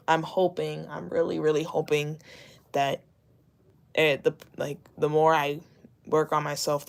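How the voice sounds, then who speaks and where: A streamer talking candidly and haltingly on a casual livestream, with many fillers and restarts. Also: medium pitch, gravelly. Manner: earnest, candid.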